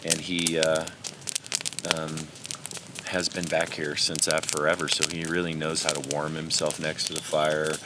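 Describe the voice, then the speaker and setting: A man with a rumbling low voice speaks flatly and at a measured pace to the camera while on a trail in the alpine backcountry. He guides pack goats and runs a channel, and he chats earnestly, somewhat rambling, about his goats and backcountry time. The recording is very noisy.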